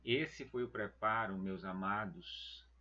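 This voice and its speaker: A man teaching a church Bible lesson, talking slowly and deliberately and calling his listeners beloved brethren. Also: on the low side, sharp tone, lo-fi sound.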